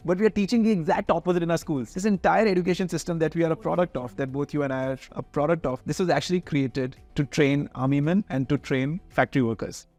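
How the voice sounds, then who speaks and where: A man's voice: a little high, quick pace, hardly any pauses, darkish tone, faint music behind. A young man from India with an educated Indian accent, giving informal, explanatory answers as an interview guest.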